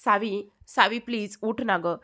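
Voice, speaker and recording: A woman's voice: mid-range voice, measured pace, pushed and bright. A woman voicing an anxious young village woman urgently coaxing her friend in a retold serial.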